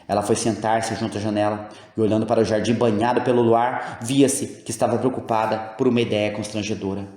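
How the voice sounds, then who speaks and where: A man reading a classic novel aloud as an audiobook narrator, in a measured, even manner. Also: lowish voice. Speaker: audiobook reader. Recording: echoey room.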